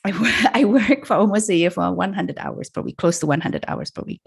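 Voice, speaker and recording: A woman's voice: medium pitch, expressive, a little fast, vocal fry, breathy edge. A middle-aged woman from Indonesia, a guest in a casual interview, speaking reflectively and laughing often as she restarts her sentences. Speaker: podcast guest.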